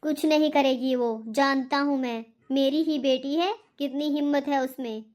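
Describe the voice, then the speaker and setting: A woman's voice: sits high, fairly even intonation, moderate pace, darkish tone, natural voice. A woman voicing a strict, stubborn middle-aged father in a cartoon. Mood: stern. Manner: stern, stubborn, lecturing. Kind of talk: cartoon voice acting.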